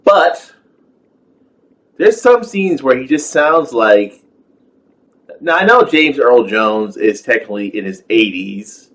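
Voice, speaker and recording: A man's voice: mid-range voice, lively intonation, takes it slowly, pauses often, fairly bright tone, rough recording. A man giving a rambling, casual rant as a film reviewer, full of fillers and exasperated rhetorical questions.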